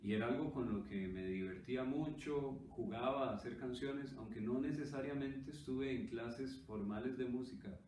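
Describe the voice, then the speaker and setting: A man's voice: medium pitch, normal speed, few pauses, a little mellow. A Costa Rican man, a musician, explaining at an easy pace in a thoughtful way and checking in with his listener as he goes. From Costa Rica. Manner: thoughtful, often adds "¿verdad?". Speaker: musician guest. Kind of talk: conversational interview. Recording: roomy distant mic with faint noise.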